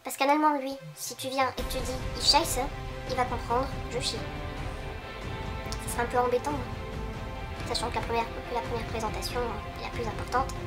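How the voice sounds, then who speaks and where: A woman's voice: a little high, level tone, brisk, pauses often, over music. A young woman from the French side of the German border, joking through a comic video monologue and talking straight to her viewers. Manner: playful, teasing, addresses viewers directly. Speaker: vlogger.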